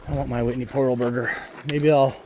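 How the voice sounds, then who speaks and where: A man's voice: mid-range voice, level tone, brisk. Man vlogging on a mountain trail. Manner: chatty, talking while hiking downhill. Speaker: hiker vlogger. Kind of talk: casual trail vlog. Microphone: handheld phone. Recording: clear outdoor background noise.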